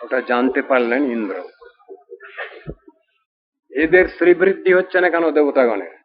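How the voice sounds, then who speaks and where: A man's voice: mid-range voice, lively intonation. Man giving a devotional storytelling sermon. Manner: storytelling, chants Sanskrit verses slowly. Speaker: preacher. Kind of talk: devotional scripture discourse. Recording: dull lo-fi recording.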